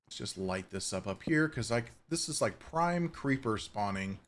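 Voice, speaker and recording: A man's voice: mid-range voice, expressive, moderate pace, fairly bright tone. A man giving casual, chatty gameplay commentary at home, swearing offhandedly and cooing at his cat. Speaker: Minecraft streamer.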